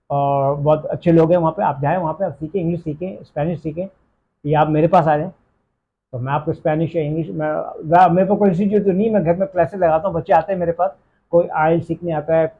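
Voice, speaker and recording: A Pakistani man who teaches English answers interview questions over what sounds like a phone line, his voice fairly high. He speaks emphatically, drops English phrases into his speech, and keeps asking "theek hai?"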